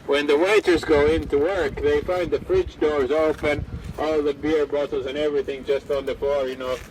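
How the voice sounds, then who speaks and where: A man working as a ghost tour guide, telling stories live to a group in a halting, conversational way. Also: a little high, little pitch movement, a little mellow. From Finland. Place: outdoors on city streets. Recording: windy, noisy outdoor recording from a distance.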